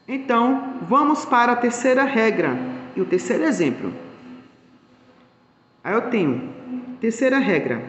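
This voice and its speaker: Slow, high-voiced man teaching grammar. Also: muffled recording. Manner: slow, explanatory, repeats points. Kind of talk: grammar lesson. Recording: echoey room, long reverb.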